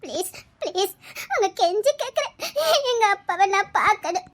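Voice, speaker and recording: A sobbing, shrill young woman. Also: lively intonation, fast, heavily acted. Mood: pleading. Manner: sobbing, pleading, shouting in anguish. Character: desperate young woman begging to see her lost father. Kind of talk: tearful TV serial acting.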